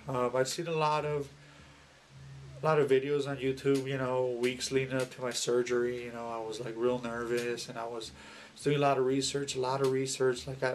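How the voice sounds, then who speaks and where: A man with a medium-pitched voice and plenty of vocal fry talks informally, as in a personal vlog. He rambles haltingly, pausing and repeating himself, over faint background noise. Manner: halting, rambling, with many pauses and self-repeats. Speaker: video blogger. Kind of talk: casual personal vlog talk to camera.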